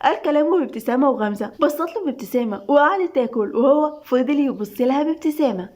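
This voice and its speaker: Fast-talking Egyptian woman storyteller. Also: high-pitched, animated, darkish tone. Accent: Egyptian Arabic. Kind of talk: reading a romance story aloud.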